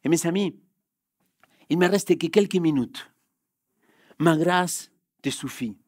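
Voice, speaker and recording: A young man with a Spanish accent, Spanish being his first language, preaching a sermon and telling a personal story, swinging from loud urgent bursts to hushed, quiet passages. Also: fairly high pitch, slow, dry recording, clean studio sound. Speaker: pastor. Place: church hall.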